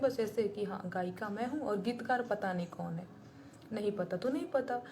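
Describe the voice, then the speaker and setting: A woman's voice: fairly high pitch, background noise. A woman singer-songwriter talking bluntly and indignantly to her viewers on a live stream. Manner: blunt and indignant, plain-spoken.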